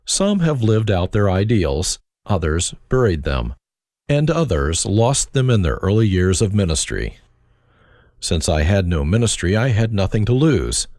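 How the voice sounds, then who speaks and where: A man's voice: lowish voice, darkish tone, dry recording. An older man with a German accent, reading his autobiography aloud in a reflective tone with dry wit. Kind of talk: autobiographical narration.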